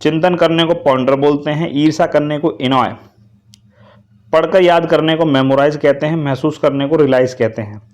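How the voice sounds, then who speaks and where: A man's voice: fairly high pitch, normal speed, dull audio. A man teaching English vocabulary to students, speaking to them directly and asking them to repeat each answer. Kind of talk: vocabulary lesson.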